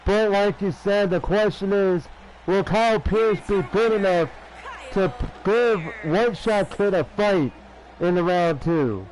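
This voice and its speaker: A man doing play-by-play as a wrestling commentator, halting and often repeating himself. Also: high-pitched, a little mellow, low-quality recording. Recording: clear background noise.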